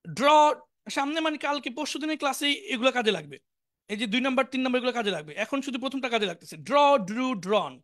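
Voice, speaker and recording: A woman with a Bangladeshi accent teaching an online spoken English lesson, drilling each word slowly and repeating every form. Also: sits high, very animated, fairly bright tone.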